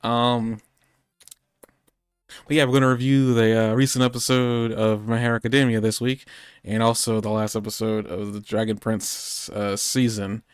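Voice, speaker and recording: A man's voice: on the low side, level tone, normal speed, clean tone, no echo, studio quality. A man hosting a live-streamed anime podcast, chatting casually and rambling off on tangents. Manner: rambling, meandering, self-correcting. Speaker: podcast host. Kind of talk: casual chat. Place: home streaming setup.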